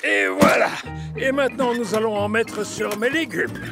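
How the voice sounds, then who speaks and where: Old grandpa pig: gravelly, animated, jolly, with clear music underneath. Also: male voice, high-pitched, moderate pace. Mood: proud. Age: older. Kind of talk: preschool cartoon dub acting.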